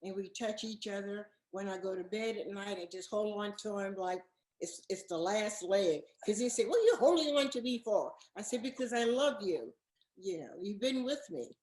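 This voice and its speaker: A woman's voice: mid-range voice, expressive, moderate pace, a little mellow. A woman in her eighties, a guest in a casual interview, speaking earnestly and repeating words for emphasis. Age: 80s. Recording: echoey room.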